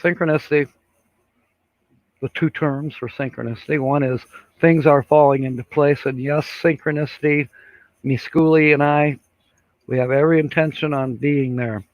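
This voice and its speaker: An older man's fairly high voice, free of room sound, carries a laid-back live stream. He reads viewer comments, chuckling and rambling with frequent fillers. The sound quality is dull and lo-fi.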